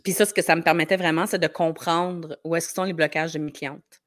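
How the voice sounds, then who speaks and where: A woman with a Quebec French accent explains things informally in an interview, her voice hoarse and gravelly from a slight head cold. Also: low voice, steady tone, a little fast, no echo, studio quality. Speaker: podcast guest, marketing strategist.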